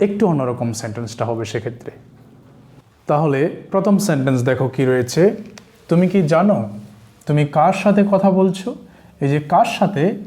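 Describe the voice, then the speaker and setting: A man with a Bengali accent teaching spoken English, explaining slowly and repeating example sentences in two languages. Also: a little high, mellow. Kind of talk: language lesson.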